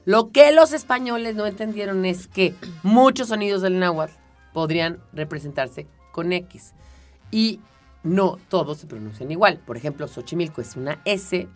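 Mexican woman co-host, low-ish voice, patient explainer, soft music under. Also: lively intonation, normal speed. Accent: Mexican Spanish. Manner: explains patiently, often tags "¿no?" and fills with "este". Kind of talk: explanatory radio chat.

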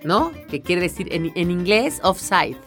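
A woman's voice: on the low side, moderate pace, fairly bright tone, soft background music. A woman co-hosting a radio chat about language, explaining patiently and often checking in with a questioning "¿no?". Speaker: radio co-host.

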